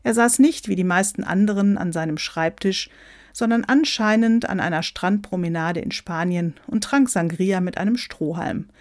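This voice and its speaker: A woman narrating a humorous story in a wry, lively reading. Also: lowish voice, moderate pace, no room sound, clean studio sound.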